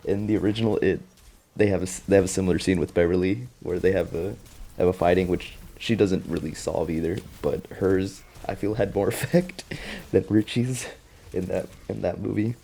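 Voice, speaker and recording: A young man with a deep, low voice talks through a show recap in a casual vlog. He is slangy and profane and keeps breaking into laughter. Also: fairly even intonation, normal speed, creaky, dark tone. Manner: slangy, swearing, laughs a lot.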